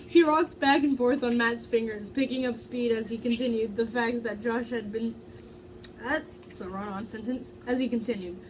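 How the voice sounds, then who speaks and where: She's an amateur storyteller reading fan fiction dramatically, her voice high and full of giggles, with frequent stumbles and chatty, giggly asides. Faint background noise comes through because she's recorded away from the microphone.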